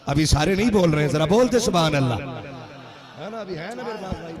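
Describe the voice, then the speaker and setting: A man's voice: sits high, expressive. A man from India preaching a sermon to a gathering, telling the story in an impassioned, sing-song way. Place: religious gathering with audience. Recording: noisy crowd at a gathering.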